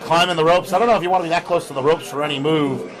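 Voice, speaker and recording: A lucha libre announcer races through live play-by-play, calling wrestling moves in short bursts. His voice is on the high side with fairly even intonation. A live crowd roars behind the commentary.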